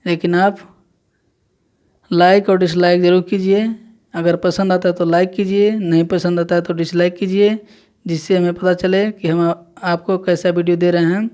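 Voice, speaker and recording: Even-toned, smooth-voiced male teacher. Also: high voice, moderate pace. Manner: patient and repetitive, counting numbers aloud one by one. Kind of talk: classroom lesson teaching English numbers.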